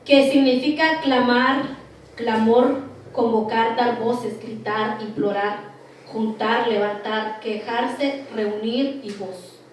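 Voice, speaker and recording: A woman pastor preaching a sermon earnestly, with frequent pauses and fillers, recorded from far off in a very echoey hall. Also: a little high, steady tone, a little hiss or hum.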